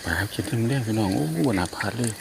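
Excitable Isan man fishing outdoors. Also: lowish voice, rapid-fire, creaky. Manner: excitable, loud exclamations while fishing. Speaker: fishing vlogger. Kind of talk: casual outdoor commentary. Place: outdoors by natural water. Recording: outdoor insect noise. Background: crickets and insects.

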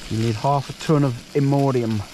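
A man's voice: medium pitch, fairly even intonation, normal speed. Casual male outdoor vlogger, jokey and rambling, recorded outdoors at night with faint background noise. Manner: chatty, joking, rambling asides. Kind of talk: casual outdoor cooking vlog. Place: wild camp in hills at night, outdoors.

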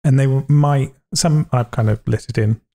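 A man's voice: mid-range voice, moderate pace, gravelly, mellow. A young man hosting a podcast interview, rambling, joking and cutting himself off mid-sentence. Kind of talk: casual conversational interview.

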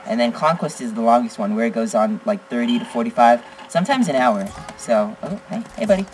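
A teenage boy giving excitable gameplay commentary as a gaming channel host, blurting exclamations and teasing. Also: medium pitch, brisk, a little hiss or hum, low-quality recording. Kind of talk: live gameplay commentary with chat.

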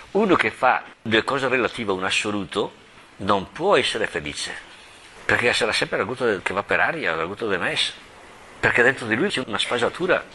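A middle-aged man leads a parish Bible lesson in a casual, talkative manner. He retells the story with dramatic quoted lines and laughing asides. His voice is bright and forceful, over a faint hum of room noise. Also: on the low side. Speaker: parish priest teaching the Bible.

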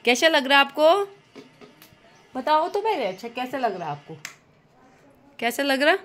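High, sing-song young mother teasing her toddler. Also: very animated, a little slow, a bit bright, faint music behind. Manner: teasing, coaxing, laughs often. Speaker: mother and family vlogger. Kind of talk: playful baby talk with a toddler.

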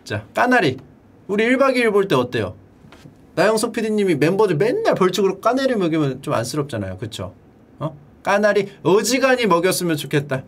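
Husky guy streaming, voice jumps all over, joking around and repeating words. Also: very animated, a little fast. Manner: playful, drills words by repeating them in a high echo; bursts into shouted cheers. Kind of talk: casual livestream chat.

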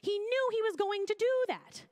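A woman's voice: extremely high pitch, normal speed, a little mellow. Woman pastor preaching a conversational sermon. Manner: conversational preaching, rising in intensity.

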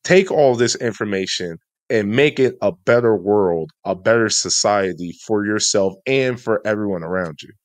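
Male podcast co-host, very deep voice, emphatic and motivational, dry close sound. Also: moderate pace, few pauses, no echo. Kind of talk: casual podcast discussion. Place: studio.

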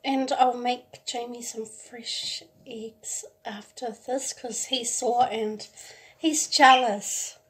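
A young adult woman chatting casually in short, halting remarks as she hosts a homemade food video at a table indoors. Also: fairly high pitch, steady tone. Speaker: host of home food challenge video. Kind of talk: casual vlog chat while preparing and eating food. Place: indoors at a kitchen or dining table. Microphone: phone propped at arm's length. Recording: very noisy phone recording with clicks.

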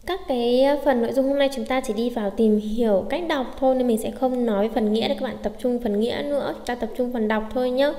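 A woman's voice: a little high, fast, hardly any pauses, warm tone, roomy sound, long reverb tail. A woman teaching a language lesson in a questioning, self-answering way, explaining how to read and type words. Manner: asks questions then answers them herself. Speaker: Japanese teacher.

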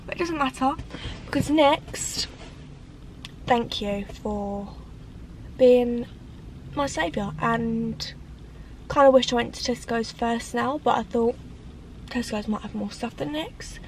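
Chatty high-voiced woman in a car. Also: slow, long pauses, slight background noise, low-quality recording. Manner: chatty, animated with hand gestures, dramatic sighs. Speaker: vlogger. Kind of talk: casual chat to camera. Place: parked car on a rainy day. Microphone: camera on the dashboard.

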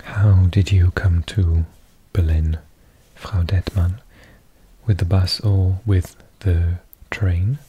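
A man whispering softly and unhurriedly as an ASMR host, reading aloud close to the mic. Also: sits low, steady tone, lo-fi sound. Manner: soft, breathy ASMR whisper, slow and unhurried.

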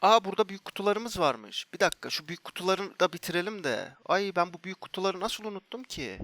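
A young man, commenting excitedly as he opens loot boxes in a mobile game, repeating himself and bursting into shouts when something good appears. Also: high voice, fast talker. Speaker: gaming YouTuber.

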